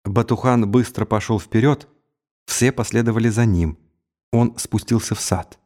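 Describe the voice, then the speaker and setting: Male audiobook narrator, low-pitched, measured and unhurried reading. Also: fairly even intonation, a little mellow. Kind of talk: scripted narration.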